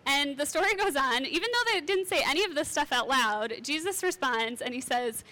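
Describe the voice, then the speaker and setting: A woman's voice: high voice, animated, normal speed, pushed and bright. A young woman teaching a casual Bible lesson in a chatty, conversational way with light asides.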